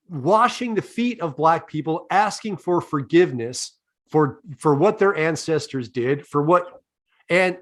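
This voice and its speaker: A man with a high voice hosts a comedy podcast. He lays out long, deadpan, profane setups before each question. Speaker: podcast host. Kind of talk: comedic interview.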